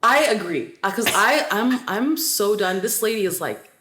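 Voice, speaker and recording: A woman co-hosting a podcast, telling stories in casual, animated chat with lots of filler words. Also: mid-range voice, normal speed, slight background noise. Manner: chatty, animated storytelling with many "like" fillers. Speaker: podcast co-host. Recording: roomy echo.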